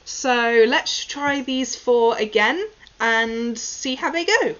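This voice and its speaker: A woman's voice: fairly high pitch, slow, a bit bright. A woman talking casually and informally to a recording as she works through articulation exercises, commenting on her own attempts. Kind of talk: casual self-recorded practice commentary with tongue twisters. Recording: dull, lo-fi sound.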